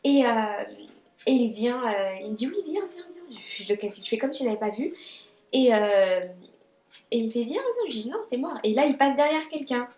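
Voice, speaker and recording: A young woman telling a storytime vlog in a chatty, animated way, full of fillers and restarts. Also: fairly high pitch, brisk. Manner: chatty and animated, many fillers and restarts, acts out her own quoted lines. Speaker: beauty vlogger telling a story. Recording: echoey room.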